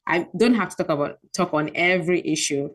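Low-voiced woman. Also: brisk. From Ghana. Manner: earnest, reflective, laughs softly. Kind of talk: casual chat.

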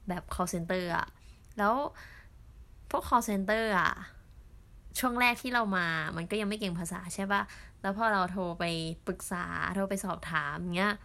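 A young woman from Thailand, an au pair, telling stories in a chatty vlog with many fillers and pauses. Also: medium pitch, pushed and bright. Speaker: au pair vlogger. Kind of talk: casual storytelling vlog.

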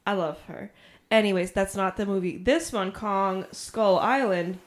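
A woman's voice: medium pitch, unhurried. A young woman co-hosting a podcast, chatting casually about movies in a rambling way, swearing and losing her thread. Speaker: podcast co-host.

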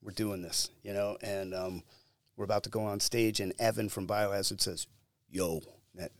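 A middle-aged man telling stories casually in an interview, lively and acting out the lines he quotes. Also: fairly low pitch, normal speed, dry recording, clean studio sound. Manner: animated, acts out quotes. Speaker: musician guest.

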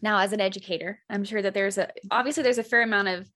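A woman's voice: mid-range voice, steady tone, quick pace, sharp tone. A woman hosting a podcast, asking questions in a casual conversational way with frequent fillers. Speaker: podcast host. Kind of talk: casual interview.

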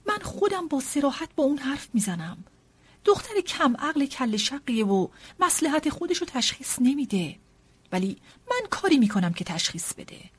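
A woman voicing a shrill, frantic mother. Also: big pitch swings. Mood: agitated. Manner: shrill, pushy, breathless insistence. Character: fussy excitable middle-aged mother. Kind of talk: audiobook character reading.

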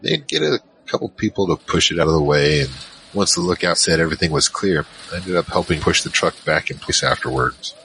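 In a deep, gravelly, fairly bright voice, a man plays a curious, hesitant adventurer narrating his own story in first person for an audio drama, as both narrator and lead. His delivery is animated, exaggerated, a little fast, and has few pauses, conversational and reflective as he searches for words. The recording is low quality with slight background noise.

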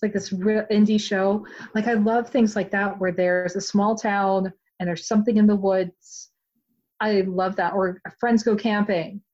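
A woman author being interviewed, talking in a chatty, animated way with many "like" fillers. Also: mid-range voice, highs cut off. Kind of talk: casual interview chat.

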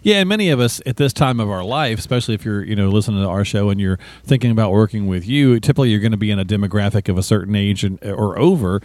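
A man's voice: on the low side, fast talker, hardly any pauses, darkish tone, no echo. A man co-hosting a podcast, chatty and easygoing, asking questions. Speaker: podcast co-host. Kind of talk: casual podcast chat.

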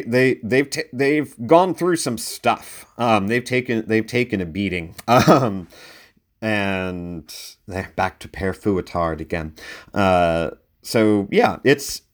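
A man hosting a casual film review podcast, talking conversationally and leaning into his recommendations with emphasis. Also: fairly low pitch. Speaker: podcast host.

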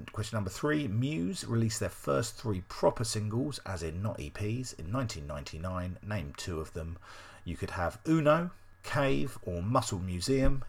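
A man's voice: on the low side, gravelly. A man hosting a casual podcast quiz special, reading out answers in a loose, sweary and sardonic way with plenty of fillers. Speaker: podcast host.

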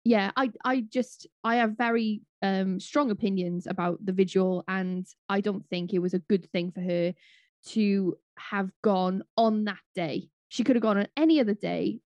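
A woman's voice: medium pitch, normal speed, a little mellow, muffled recording. A woman talks through her opinions in a casual podcast chat, cynical and frank, tripping over her own restarts. Her voice sits mid-range and the sound is dry with no room echo. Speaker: podcast co-host.

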